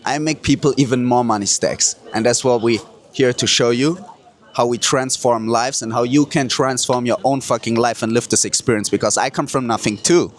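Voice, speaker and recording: A man from Kurdistan, a hypnotist who hosts the show, gives brash motivational talk straight to camera, full of boastful bragging and profane street slang. His voice is mid-range, with fairly even intonation at a normal speed.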